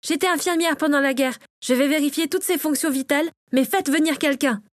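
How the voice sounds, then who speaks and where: A woman's voice: high voice, brisk, dry recording, studio quality, voice pushed up, natural voice. A woman voicing a determined former war nurse in a storybook reading, speaking in a firm, practical way. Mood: urgent.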